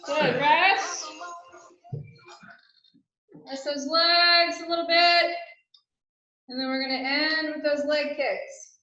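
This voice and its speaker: A woman's voice: high-pitched, fairly even intonation, slow pace, pauses often, pushed and bright, faint music behind. A woman leading a group exercise class as instructor, calling out drills and counts like a gym coach with encouraging prompts. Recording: echoey room, dull muffled sound.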